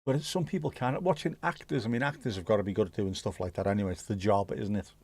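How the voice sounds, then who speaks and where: A fast-talking man with a fairly low, slightly mellow voice and a breathy edge, recorded dry. He hosts a livestream with a Scouse accent, being from around Liverpool, chatting casually in reaction to live chat and joking and swearing occasionally.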